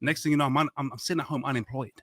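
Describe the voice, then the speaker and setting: A man's voice: mid-range voice, steady tone, rapid-fire, pushed and bright, dry recording. An Englishman around forty, a guest in a radio studio, telling his story in an upbeat, friendly way. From England. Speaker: guest, business owner. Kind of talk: casual radio interview.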